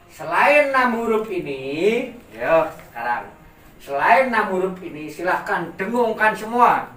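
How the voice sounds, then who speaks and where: A man with an Indonesian accent gives an informal tajwid lesson to adult pupils, stretching out syllables and repeating words for them to imitate. His high voice is sing-song, unhurried, bright and pushed. The room echoes, the mic is distant, and there's faint ambient noise.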